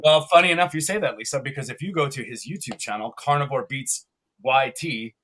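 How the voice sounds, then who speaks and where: A man's voice: mid-range voice, fairly quick, a bit bright. A man from Canada co-hosting a live podcast, chatty and upbeat, often laughing as he rambles. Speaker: podcast co-host.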